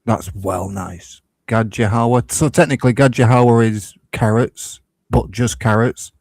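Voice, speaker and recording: A man in his early thirties, chatting about food and wrestling in a relaxed, easygoing way on a podcast. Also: mid-range voice, a little slow, no echo. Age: 30s. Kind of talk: casual chat.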